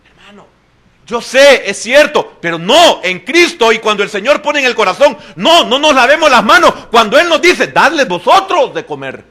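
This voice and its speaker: A man preaching a sermon in church. He talks straight to the congregation and swings between loud exclamations and hushed asides. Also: very high voice, very animated, moderate pace. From El Salvador. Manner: addresses the congregation directly and often as "hermano". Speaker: pastor.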